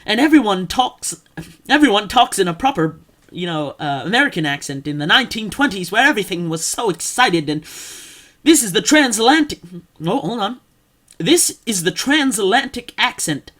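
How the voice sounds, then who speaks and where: A man's voice: high voice, sing-song, normal speed, pushed and bright. A man chatting casually in a vlog about accents, rambling and poking fun at himself, with lots of fillers. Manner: rambling, self-deprecating, many fillers. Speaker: vlogger doing accents for a friend. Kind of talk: casual chat.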